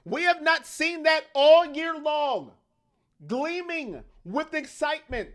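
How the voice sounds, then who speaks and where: Fired-up, bright-voiced male fan host. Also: extremely high pitch, expressive. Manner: heated, ranting, fast-shifting intensity. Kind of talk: livestream sports talk, reading chat.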